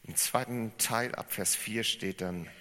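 A man's voice: fairly low pitch, a little slow, slight background noise. Man preaching in a reverberant hall. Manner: animated preaching, asking the congregation questions. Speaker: pastor. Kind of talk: sermon.

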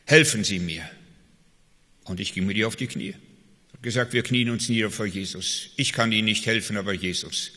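Male preacher, emphatic sermon delivery, bright tone, reverberant hall. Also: on the low side, moderate pace. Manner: emphatic preaching with swings between loud calls and quiet confession.

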